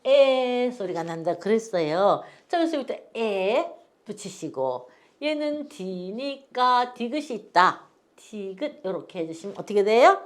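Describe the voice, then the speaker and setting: Patient woman teaching slow phonics. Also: medium pitch, sing-song. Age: older. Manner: patient, repeats words for learners to follow. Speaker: English teacher. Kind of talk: slow phonics lesson for older learners.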